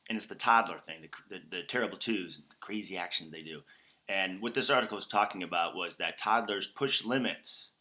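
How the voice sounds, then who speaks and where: Man, casual vlog chat, rambling, filler-heavy, lowish pitch, very bright tense tone. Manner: rambling with many fillers and restarts; animated, voice rising when acting out examples. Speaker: vlogger. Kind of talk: casual talking-head vlog.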